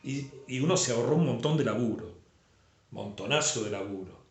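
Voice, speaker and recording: Argentine guy lecturing, lively, keeps asking "right?", roomy echo. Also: medium pitch, fairly quick. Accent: Argentine Spanish. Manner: animated, keeps checking with "¿sí?". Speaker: psychoanalysis teacher. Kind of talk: lecturing, answering a student.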